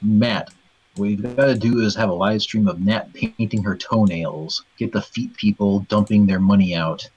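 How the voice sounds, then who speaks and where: A man talks through a dull, lo-fi stream mic, his voice husky and rather low. He rants bluntly in casual chat, swearing freely as he goes, and the sound is close and dry. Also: fairly even intonation, moderate pace, a little mellow. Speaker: stream co-host.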